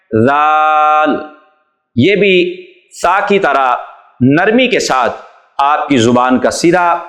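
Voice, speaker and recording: Man, patient teacher, slightly high voice, echoey room, children's letter-reading lesson. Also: a bit bright. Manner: patient, explains each letter then draws it out slowly.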